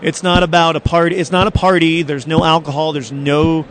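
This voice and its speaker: A man's voice: a little high, little pitch movement, a little fast, a little hiss or hum. A man who is a filmmaker guest, talking casually and upbeat with frequent restarts in an outdoor interview at a fan convention. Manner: laughing, repeats and restarts, upbeat.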